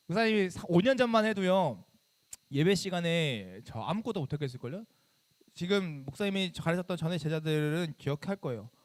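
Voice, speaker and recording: A man in his thirties, a youth pastor giving a sermon to middle schoolers, talking conversationally and quizzing them with questions. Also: a little high. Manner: bursts into loud scolding when acting out his younger self.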